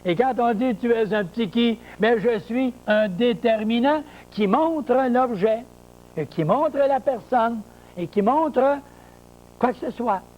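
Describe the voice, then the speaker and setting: A man gives a grammar lesson straight to camera. His voice sits high for a man, and he explains at an unhurried pace. He repeats key words, spells terms letter by letter and answers his own rhetorical questions. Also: lively intonation, dull audio. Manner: slow, deliberate explaining with many repetitions and rhetorical questions. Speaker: French grammar teacher.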